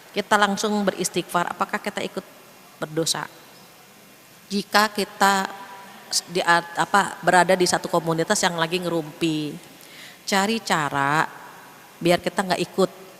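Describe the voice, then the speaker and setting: Chatty woman preacher, low voice. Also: moderate pace, pauses often, big-room sound, slight background noise. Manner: chatty, acts out quoted speech in lively voices. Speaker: female Islamic preacher. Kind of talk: casual religious lecture.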